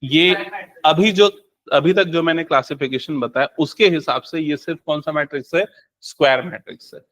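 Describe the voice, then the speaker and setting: A young man teaches maths to a class. He has a high, bright voice and keeps quizzing his students, then answers his own questions. He slips English terms into Hindi as he goes. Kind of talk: live classroom lesson.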